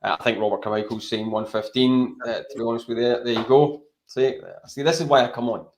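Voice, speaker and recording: There's slight hiss or hum as a Scottish man, co-hosting a podcast, discusses football casually at a quick pace. His mid-range voice stays steady while he rambles chattily, regularly ending points with "right?".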